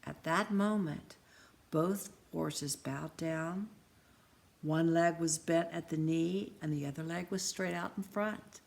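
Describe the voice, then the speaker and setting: Lower-voiced woman reading a storybook. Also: slow, creaky. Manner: expressive, lively.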